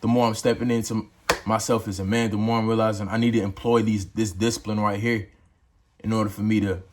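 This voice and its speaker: A man's voice: lowish voice, little pitch movement, fairly quick, noisy background. A young adult man talking straight to camera in a casual, preachy way, calling his viewers bro and dog as he gives life advice. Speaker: vlogger. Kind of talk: motivational talk to camera.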